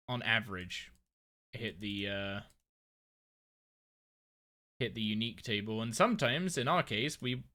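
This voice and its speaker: Tired, bright-voiced male game streamer. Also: fairly low pitch. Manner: rambling, thinking aloud with many restarts. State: tired and yawning. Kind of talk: casual live-stream chat while playing.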